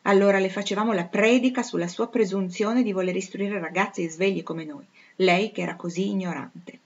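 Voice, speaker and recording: A woman's voice: medium pitch, fairly quick, muffled recording, lightly acted. A woman reading aloud, voicing a smug young aristocrat with a drawling manner.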